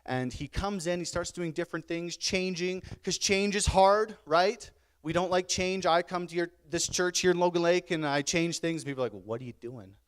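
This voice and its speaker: A man's voice: high-pitched, normal speed, smooth. A man in his thirties, a pastor preaching a sermon in his church, telling personal stories candidly and building to emphatic bursts. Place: church sanctuary.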